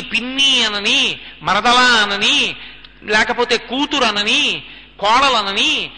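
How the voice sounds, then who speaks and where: A man's voice: high-pitched, bright, forceful tone, full character voice. A man voicing a devoted young princess wife who reasons earnestly with her mother-in-law, with long hall reverb.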